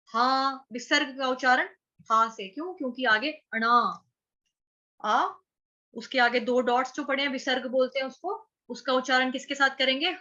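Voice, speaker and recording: Woman slowly teaching Sanskrit chanting. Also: sits high, bright, forceful tone, muffled recording. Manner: teaching syllable by syllable, drawing out slow chanted examples; asks and answers her own questions. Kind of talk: pronunciation lesson for chanting.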